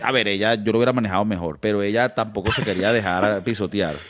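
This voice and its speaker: A Venezuelan man telling a story in casual chat, slangy and animated, acting out the people he quotes. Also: fairly low pitch, quick pace, a little hiss or hum. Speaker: podcast co-host.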